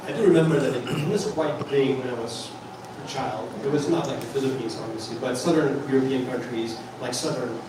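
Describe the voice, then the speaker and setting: A filmmaker, a man born in Italy and raised in Belgium, answers press questions in an earnest, explanatory way, listing examples as he goes. He sits far from the microphone, so his voice rings around a very echoey room. Steady noise hangs behind him. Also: medium pitch, a little fast, hardly any pauses. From Italy, grew up in Belgium. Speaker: documentary filmmaker. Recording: echoey room, distant mic, noisy.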